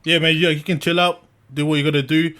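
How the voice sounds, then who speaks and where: Man, slightly high pitch, podcast host, casual chat, earnest, slangy, halting repetitions. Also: level tone, bright, forceful tone, clean tone.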